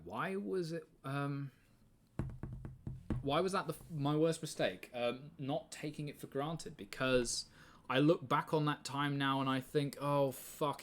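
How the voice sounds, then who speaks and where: A man's voice: medium pitch, a bit bright. A man in his twenties with an English accent, hosting a live stream in casual chat, rambling, swearing freely and laughing often. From England. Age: 20s.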